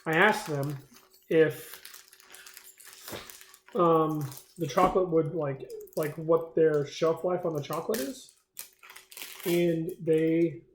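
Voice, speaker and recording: A man's voice: a little high, darkish tone, reverberant, slight background noise. A man vlogging a food challenge in a casual, rambling way, full of fillers and enthusiasm, sometimes talking with his mouth full. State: eating, mouth full at times. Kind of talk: casual solo vlog.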